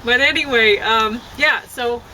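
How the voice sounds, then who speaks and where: A woman who vlogs and writes amateur poetry rambles casually to the camera, speaking haltingly, thinking aloud and often stopping to rephrase. The recording is noisy, with a distant mic and a traffic-like rumble.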